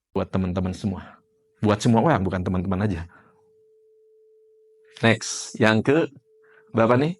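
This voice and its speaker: A man giving a conversational classroom lecture as an NLP trainer, quizzing participants by name and explaining with everyday examples. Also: medium pitch.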